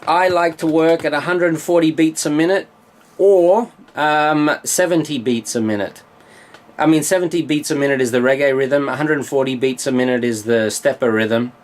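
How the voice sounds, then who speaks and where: A man with a slightly high voice and a moderate pace talks through how he mixes a track in a studio tutorial. He's a music producer, and his explanations are peppered with "uh"s while he works.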